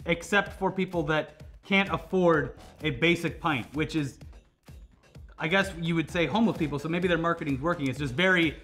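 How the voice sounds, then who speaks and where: A young man co-hosting a comedy news show, animated and sarcastic with quick jokes. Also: a little high, soft background music. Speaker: co-host. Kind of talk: casual comedic news chat. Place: studio.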